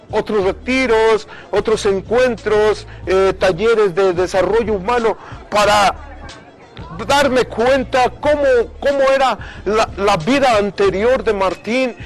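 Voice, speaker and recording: High-voiced man giving an earnest testimony. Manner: earnest, repeats words for emphasis. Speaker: speaker giving a religious testimony. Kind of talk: emotional personal testimony.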